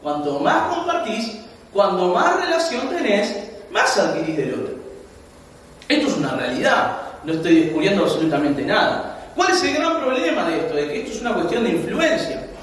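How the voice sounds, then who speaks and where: High-voiced Uruguayan pastor in echoey hall. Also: male voice, moderate pace, slight background noise. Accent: Uruguayan Spanish. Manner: animated storytelling, laughing asides. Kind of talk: sermon. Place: church hall. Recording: echoey hall, mic far off.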